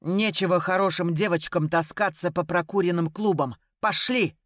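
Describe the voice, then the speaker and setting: A woman's voice: fairly low pitch, normal speed, no echo, clean studio sound, lightly acted. A woman voicing an angry, possessive young man in an audiobook, curt and growling. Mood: commanding. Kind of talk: audiobook character voice.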